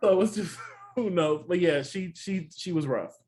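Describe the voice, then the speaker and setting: A man from Texas, with a Texan accent, co-hosts a podcast that is a casual TV recap chat, chatty and tossing in sassy asides like "honey." His voice is high-pitched, a little mellow, and a little slow.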